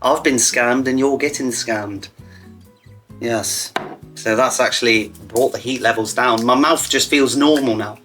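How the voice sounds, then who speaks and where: Deep-voiced man, blunt and informal. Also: measured pace, a bit bright, soft background music. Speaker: online content creator hosting a hot wing challenge. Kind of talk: casual sweary chat to camera.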